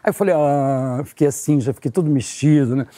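A Brazilian man in his sixties, an actor guest on a talk show, telling a story with lively, acted-out delivery. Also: fairly high pitch, fast, breathy edge. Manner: animated storyteller, acts out quotes.

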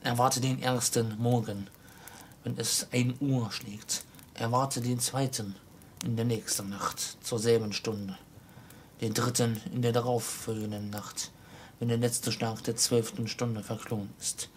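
A man reading the part of a chained ghost of an old miser, speaking in a solemn, slow, mournful way. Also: mid-range voice, flat delivery, a little hiss or hum, lightly acted. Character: ghost of an old male miser, grave, sorrowful, bound in chains.

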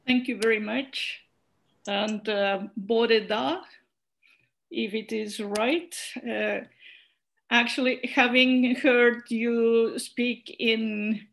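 A woman whose first language is Catalan, a network secretary general, gives a hesitant conference presentation over a video call, full of fillers and restarts. Her voice is a little high, a bit bright and creaky, with a steady tone and drawn-out words.

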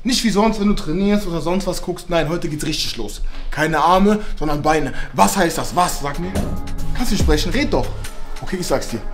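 A young man vlogging his workout in a large indoor gym, joking loudly and coaching in a pumped-up way, recorded on the camera mic. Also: on the high side, lively intonation, moderate pace. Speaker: fitness vlogger. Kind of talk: hyped workout vlog talk. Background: faint music.

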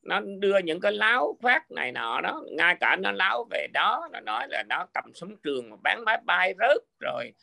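A man's voice: high-pitched, very animated, normal speed, gravelly, few pauses, sharp tone. A man in casual political chat, speaking hesitantly with many fillers. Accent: Vietnamese-American.

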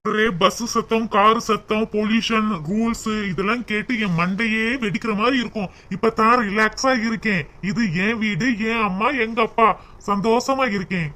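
A man's voice: high-pitched, steady tone, moderate pace. A man voicing a grown village son back from work abroad, homesick and fond of his family. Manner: warm, homesick.

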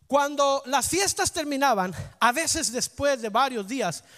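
A man preaching a passionate sermon as pastor, often shouting and calling his listeners brother and sister. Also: extremely high pitch, lively intonation, unhurried.

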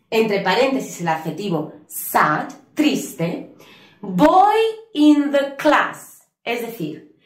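A woman teaching a video lesson, patiently spelling out letters and slowly repeating examples. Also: high voice, fairly bright tone, echoey room. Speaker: English teacher. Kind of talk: video lesson explaining grammar.

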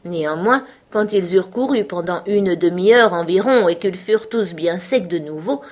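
A woman narrating a children's storybook in an expressive way. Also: on the low side, moderate pace.

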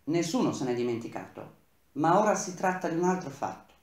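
A man's voice: fairly high pitch, animated, brisk, pitched above the performer's own voice, close to an everyday voice. A man voicing a determined male bricklayer who speaks firmly and earnestly for his fellow strikers. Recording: very echoey room.

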